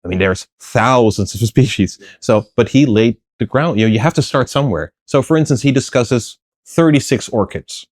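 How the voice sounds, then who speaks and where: This middle-aged plant philosopher, answering as an interview guest, explains at length in a thoughtful way, with many fillers and restarts and light laughter. His mid-range, darkish voice moves at normal speed with hardly any pauses, recorded in studio quality with no echo.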